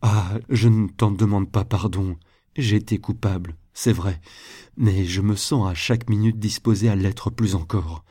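A man's voice: on the low side, measured pace, mellow. A man reading aloud voices a jealous, remorseful young lover in a storybook, with an emphatic, pleading delivery.

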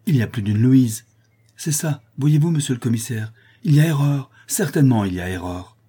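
Storybook figure: an anguished aging artisan father, husky and mellow but raised and insistent, read by a man. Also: mid-range voice, expressive, a little fast, pitched above the performer's own voice. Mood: distraught pleading. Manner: pleading, agitated, raised voice.

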